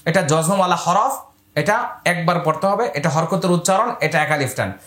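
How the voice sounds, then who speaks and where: A man teaching Quran reading in Bengali, spelling out letters and vowel marks and drawing words out slowly in recitation. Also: fairly high pitch, expressive, a bit bright. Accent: Bangladeshi Bengali. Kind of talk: step-by-step recitation lesson. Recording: echoey room.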